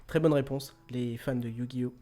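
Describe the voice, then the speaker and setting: A man's voice: medium pitch, steady tone, normal speed, mellow, soft background music. A man hosting a casual quiz show, joking, laughing often and repeating his words. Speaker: host of an online quiz radio show.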